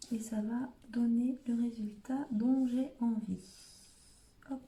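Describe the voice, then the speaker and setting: A woman from Hauts-de-France in northern France chats through a live crafting demonstration, narrating each hands-on step with plenty of "hop" and "voilà," in her regional accent. Her voice sits on the high side, with a dark tone, fairly even intonation and a very slow pace. The room gives the recording a noticeable echo.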